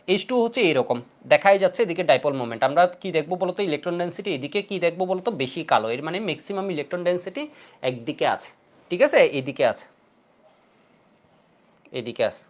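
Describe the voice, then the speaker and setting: A man with a Bangladeshi Bengali accent teaching chemistry in an online class, quizzing students with repeated questions. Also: a little high.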